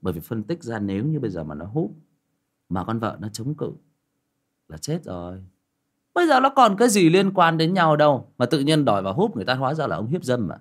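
A man telling a personal story in casual talk, acting out both sides of a conversation. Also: medium pitch. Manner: acts out both sides of a conversation, rising sharply when excited. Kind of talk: casual spoken storytelling to listeners.

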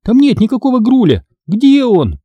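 A shrill, bossy young girl from a spooky storybook, her voice pushed high and jumpy, as a man reads her lines. The tone is dark and husky, with a dry, close sound. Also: sing-song, unhurried, no room sound, full character voice. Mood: alarmed. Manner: shrill, agitated shouting. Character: frightened bossy young girl, quick to panic.

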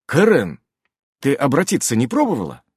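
Мужчина-чтец за уверенного, хвастливого мужчину. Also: male voice, mid-range voice, wildly swooping pitch, brisk, darkish tone, husky, dry recording, clean studio sound. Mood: reassuring. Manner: reassuring, slightly boastful. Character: calm, boastful middle-aged man, reassuring.

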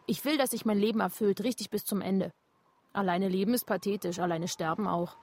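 A woman's voice: medium pitch, steady tone, a little fast, darkish tone, natural voice. A woman playing a blunt, mocking young woman. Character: blunt, provoking young woman at a cliff edge. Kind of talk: radio drama acting.

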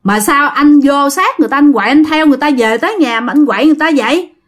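A woman's voice: high-pitched, quick pace, voice pushed up, natural voice. Woman doing a scolding village exorcist. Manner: reproachful, questioning. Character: scolding middle-aged male exorcist priest.

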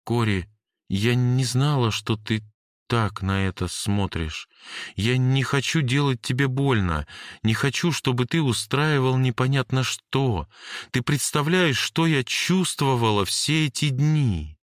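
A man reading an audiobook and voicing a tense, suspicious young woman in a raised, shrill, accusing voice. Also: measured pace, dry recording, clean studio sound, close to an everyday voice. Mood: anxious.

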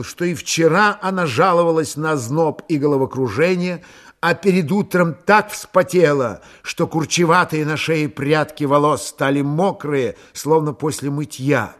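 Calm man narrating an audiobook. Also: mid-range voice.

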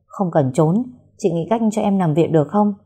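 A woman voicing a desperate young woman held captive by her family, speaking in a hushed, pleading way. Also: lowish voice, normal speed, husky.

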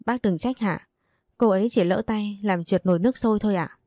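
A woman narrator playing a scheming young woman with a sugary, ingratiating way of talking. The voice is mellow and dark, heard close in a dry recording. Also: mid-range voice, brisk, no echo, close to an everyday voice. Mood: sweet-talking. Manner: sweet-talking, false concern.

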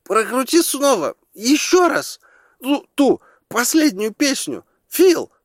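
A man voicing a boisterous Irish man who shouts to a crowd. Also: on the high side, wildly swooping pitch, unhurried, vocal fry, slightly rough, no room sound, clean studio sound, pitched above the performer's own voice, exaggerated voice. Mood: euphoric. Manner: shouting, overjoyed.

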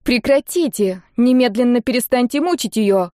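A woman voicing a brave little girl who cries out in a high, shrill voice. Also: expressive, moderate pace, mellow, no echo, studio quality, natural voice. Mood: defiant. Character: brave, defiant little girl with fire magic.

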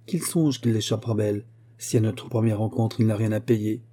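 A proud young servant speaks quietly and keeps his hurt under control, read by a man. The voice is very dark and slightly husky. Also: fairly low pitch, steady tone, a little fast. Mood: threatening.

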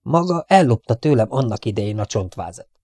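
A man voicing a whiny, tearful male gangster in a storybook reading, with a high, whimpering voice. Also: lively intonation, warm tone, dry recording, studio quality, lightly acted. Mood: whining, indignant.

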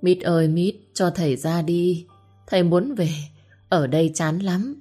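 A woman's voice: fairly low pitch, a little slow, slightly rough, soft background music. Give me a woman acting out a bitter, wailing sick old man in an audio story. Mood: pleading. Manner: moaning, then shouting curses.

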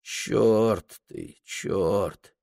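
A drunk, grey-haired old merchant, as a male reader plays him, sluggish and brooding. His low voice drags slowly. It is recorded close and dry. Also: gravelly, a little mellow, no echo, exaggerated voice. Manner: weary, slurred, brooding.

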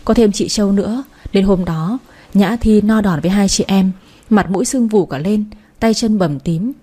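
A woman's voice: mid-range voice, moderate pace, dark tone, breathy edge. A woman narrating a dramatic story, with a storyteller's moralizing asides.

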